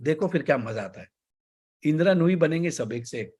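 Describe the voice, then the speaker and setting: A man coaching an online class in Hindi mixed with English, with an Indian accent, who deliberately varies his pace and loudness and pauses after key points. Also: on the high side, animated, breathy edge.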